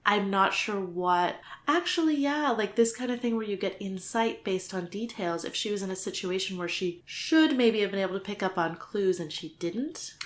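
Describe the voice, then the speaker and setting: A woman co-hosting a casual podcast, talking in an animated way, full of fillers and small laughs. Her voice sits mid-range. The room around her rings with a noticeable echo. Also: medium pitch, normal speed, hardly any pauses. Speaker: podcast co-host.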